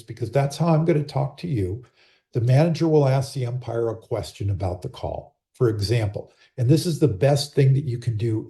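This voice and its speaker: A man with a very dark, mellow voice explains umpiring rules to managers and coaches in a steady, patient tone. He speaks over a laptop microphone on a video call and now and then acts out how a coach and an umpire might talk. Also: medium pitch. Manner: calm, explanatory, acts out sample dialogue. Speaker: umpire and rules clinic presenter. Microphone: computer or laptop mic on a video call.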